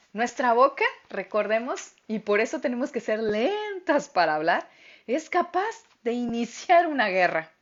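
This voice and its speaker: A middle-aged woman teaching a Bible lesson to a women's group, speaking loudly and emphatically. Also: a little high, sing-song, a little slow, highs cut off. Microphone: phone.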